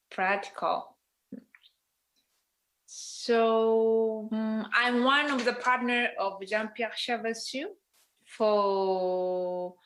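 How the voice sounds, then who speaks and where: A woman, a landscape designer, giving a careful, measured conference presentation with some hesitations. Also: medium pitch, a bit bright. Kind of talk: formal conference talk.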